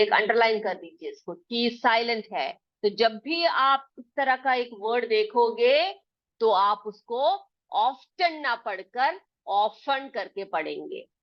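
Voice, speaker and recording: A woman teaching young students in a classroom lesson, speaking in a patient way and repeating her questions and answers. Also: a little high. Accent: Hindi. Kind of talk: classroom lesson explaining silent letters. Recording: dull lo-fi recording.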